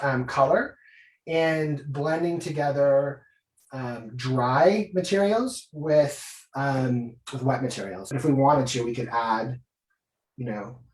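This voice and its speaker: A guest illustrator, male, chats casually and with enthusiasm, thinking out loud as he demonstrates drawing. His voice sits at medium pitch with a darkish tone. The recording has a roomy echo and he is some distance from the mic.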